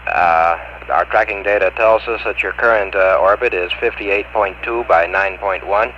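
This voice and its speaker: A man's voice: low voice, normal speed. A man at mission control talking to a spacecraft over the radio in clipped, procedural phrases, heard through a muffled radio transmission. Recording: dull lo-fi radio link with faint hiss.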